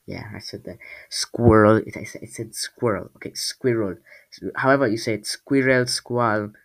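A man's voice: lowish voice, brisk, gravelly, husky. A man reading his own storybook aloud, breaking off into rambling, self-mocking asides.

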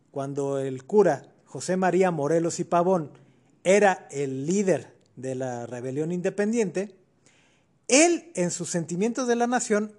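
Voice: medium pitch, a little mellow. A podcast co-host with a Mexican accent, explaining history in a casual chat with colloquial asides.

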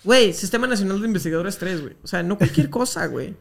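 A young podcast co-host with a Mexican accent and a mid-range voice. They talk in loose, rambling banter, full of slang and profanity, with an excitable delivery. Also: medium pitch, fast, creaky. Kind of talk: casual podcast banter about memes.

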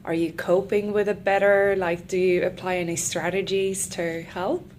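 A woman's voice: lowish voice, flat delivery, moderate pace, darkish tone. A young woman from Sweden hosting a casual chat, talkative and laughing often. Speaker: host. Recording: faint background noise.

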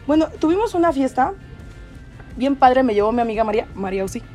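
High-voiced Mexican woman, chatty guest. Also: fast talker, soft background music. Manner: expressive, gossipy storytelling. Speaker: podcast guest. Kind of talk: casual chat.

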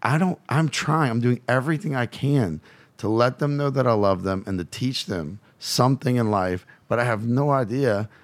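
A man's voice: medium pitch, normal speed, dry recording. A man from Louisiana, a podcast guest who coaches fathers, telling a personal story bluntly and swearing freely. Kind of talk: candid storytelling.

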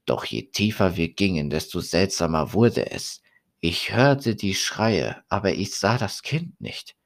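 A man reading a first-person horror story aloud in a slow, deliberate way. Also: low voice, animated, gravelly.

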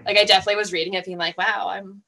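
A woman's voice: mid-range voice, level tone, very fast, pushed and bright. A woman chatting casually as a podcast guest, laughing often as she talks. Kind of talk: casual chat.

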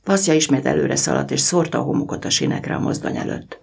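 A man reading a children's story aloud in an expressive storybook narration. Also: medium pitch, vocal fry, breathy edge.

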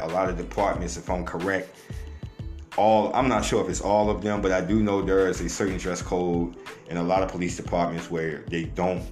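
An American man giving informal, slangy, conversational news commentary, sometimes reading aloud. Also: low-pitched. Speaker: online commentator. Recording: roomy echo with faint music.

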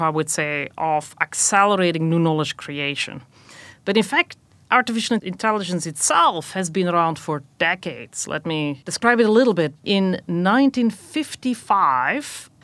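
A woman's voice: on the low side, a bit bright, no echo. A woman from Belgium, a technology executive, answering interview questions in long explanatory sentences with some fillers.

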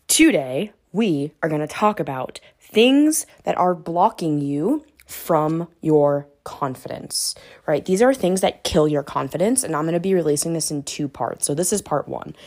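A woman's voice: low voice, darkish tone. A woman hosting a motivational podcast, talking in a peppy, emphatic, casual and slangy way. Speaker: podcast host and confidence coach.

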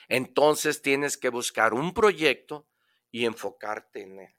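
A man's voice: medium pitch, gravelly, a bit bright. A man giving a motivational talk on the radio, emphatic and preachy, repeating phrases for effect.

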